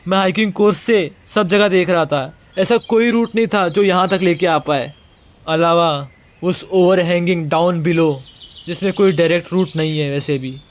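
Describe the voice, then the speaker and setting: An astonished climbing club member from a manga, read by a man. He speaks with disbelief in a fairly high voice. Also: a little slow. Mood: disbelieving.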